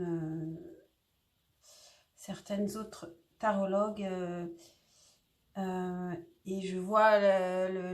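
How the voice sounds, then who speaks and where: A woman doing a casual tarot reading, talking hesitantly with lots of fillers and restarts. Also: mid-range voice. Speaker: tarot reader. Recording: echoey room.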